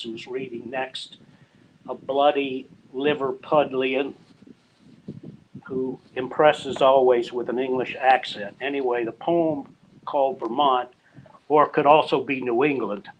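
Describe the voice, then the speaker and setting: Slow, rambling older man. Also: medium pitch, highs cut off, slight background noise. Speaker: open mic poet. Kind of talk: introducing and reading poems.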